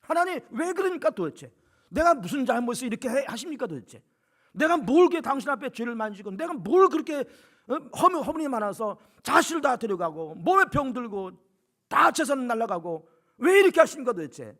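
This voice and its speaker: A male preacher acting out a suffering man who protests to God. His voice is high and pleading, thick with indignation. He keeps demanding answers. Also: very animated, fairly quick, fairly bright tone, exaggerated voice. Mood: protesting.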